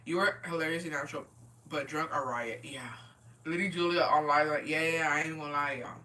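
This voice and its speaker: A tipsy woman in her twenties hosts a casual livestream, reading and answering viewer comments in slangy talk laced with swearing and Spanish words. Her voice is low-pitched and steady, brisk and sharp in tone. She sounds distant from the microphone.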